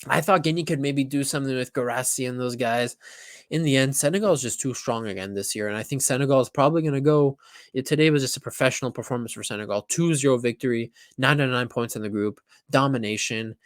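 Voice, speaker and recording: A young man in casual, excited talk about a football match, acting out his reactions and swearing freely. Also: medium pitch, quick pace, no room sound, clean studio sound. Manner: animated, swears, acts out reactions.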